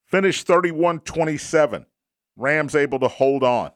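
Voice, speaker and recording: A man's voice: on the high side, a little slow, no echo, studio quality. A man hosting a solo sports radio show, delivering monologue and sponsor reads emphatically, repeating short phrases for punch. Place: radio studio.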